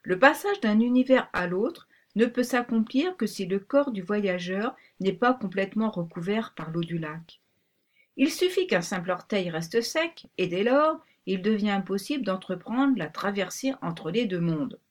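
Storybook pink rabbit, male, bossy and secretive; woman reader doing the voice, brisk commands. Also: mid-range voice, expressive.

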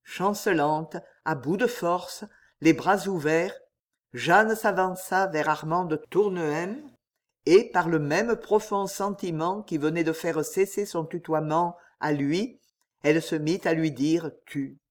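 A man narrating an audiobook in a slow, solemn, expressive way. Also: a little high.

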